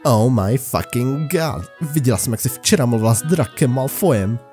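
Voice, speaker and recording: A shrill goth teen girl gushing in a high, breathless squeal, as a man puts her on. Her voice jumps wildly up and down, with a dark, mellow tone underneath. There is faint music behind her. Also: huge pitch swings. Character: shrieking excited goth girl, teen friend.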